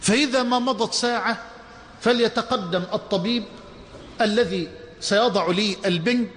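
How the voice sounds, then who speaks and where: A preacher voicing a gentle devout old man. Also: high-pitched, moderate pace, big-room sound, slight background noise. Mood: gentle pleading. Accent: Egyptian Arabic.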